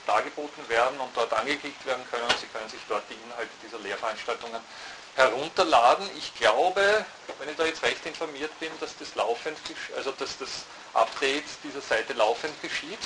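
A man lecturing at a university, thoughtful and halting, often restarting his sentences. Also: medium pitch. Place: lecture hall. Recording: noisy lecture hall recording.

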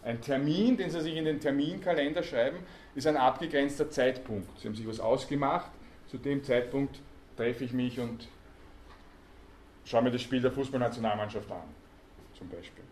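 A man's voice: mid-range voice, moderate pace, a little mellow. Male university lecturer, patient and questioning, recorded from the audience in an echoey hall. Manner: explains patiently, quizzes the class, many hesitation sounds. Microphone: student recording from the audience. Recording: echoey hall, faint background noise.

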